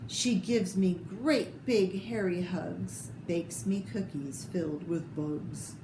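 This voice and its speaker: An American woman storyteller reads a picture book to children slowly and expressively, stopping to point out the pictures to her young listeners. Her voice sits a little low, and the echoey room has clear noise in the background.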